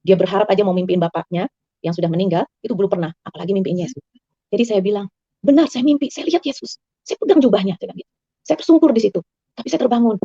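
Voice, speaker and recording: A woman tells her personal testimony in a rush of earnest words, her voice mellow and warm. Her pitch climbs high and excited at times. The recording is dry and a little dull. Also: breathy edge, dry recording. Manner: fast, earnest storytelling that rises high and excited. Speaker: guest giving a personal testimony. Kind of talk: emotional spoken testimony.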